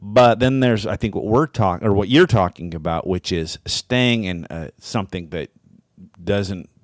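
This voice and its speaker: A man's voice: on the low side, measured pace, no room sound, studio quality. A man co-hosting a podcast in casual chat, reflective and searching for words with many fillers. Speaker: podcast co-host.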